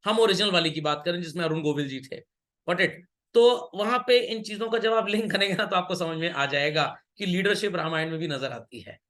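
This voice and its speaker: High, bright-voiced male teacher lecturing. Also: a little fast. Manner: mixes Hindi with English, keeps checking students understood; teases and scolds students playfully. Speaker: business studies teacher. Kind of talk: online class lecture.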